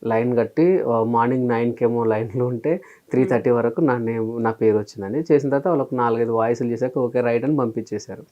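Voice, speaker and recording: Here the comedian speaks fast at a medium pitch, and the high frequencies are cut off. He's a mimicry artist from Telangana appearing as an interview guest, telling his story casually and acting out his past lines in lively quoted asides.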